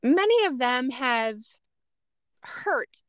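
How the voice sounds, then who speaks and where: A woman co-hosting a casual chat podcast, chatty and quick to exclaim and laugh along. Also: high-pitched, big pitch swings, clean tone, no echo. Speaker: podcast co-host.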